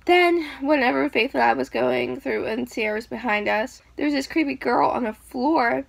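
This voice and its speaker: A woman's voice: high voice, normal speed, vocal fry, no room sound. A young woman telling stories casually, rambling with many fillers and acting out what people said. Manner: animated, acting out quoted screams. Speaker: vlogger. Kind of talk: casual storytelling.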